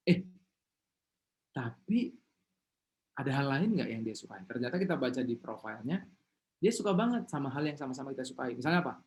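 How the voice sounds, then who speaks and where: A man giving an online seminar talk as a motivational coach over a video call. He is animated and leads his audience in call-and-response. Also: fairly high pitch.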